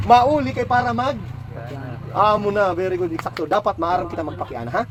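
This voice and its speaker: A man's voice: high voice, fairly quick, very noisy. A man tutoring a child at home, patiently coaxing answers with lots of questions. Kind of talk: home lesson, quizzing a child.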